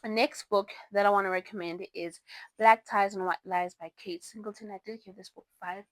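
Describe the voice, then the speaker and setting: A young woman who isn't a native English speaker hosts a casual book review vlog, rambling through her picks in a chatty way with self-corrections and giggly asides. Her mid-range voice keeps a fairly even intonation and moves a little fast. The recording has no echo.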